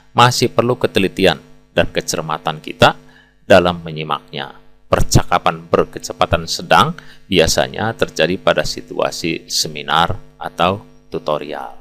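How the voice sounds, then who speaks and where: A man teaching English pronunciation in a calm, scripted explanatory way. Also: on the low side. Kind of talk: scripted lesson narration.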